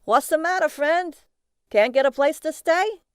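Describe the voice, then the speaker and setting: A man's voice: very high voice, lively intonation, a little slow, dry recording, studio quality, pitched above the performer's own voice. A woman voicing a chatty, folksy middle-aged male cab driver who talks boisterously. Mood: breezy. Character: gruff cheerful male cabbie, middle-aged.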